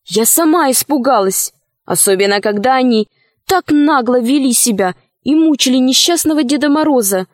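A brave young girl from a storybook, earnest and persuasive, speaking in a high, clear voice, as a woman reader voices her. She reasons firmly with the others. The recording is dry and close. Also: animated, normal speed, no echo. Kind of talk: storybook reading.

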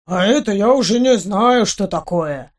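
A woman voicing a gruff mustached male camp guard in a spoken storybook, muttering and grumbling. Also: medium pitch, animated, unhurried.

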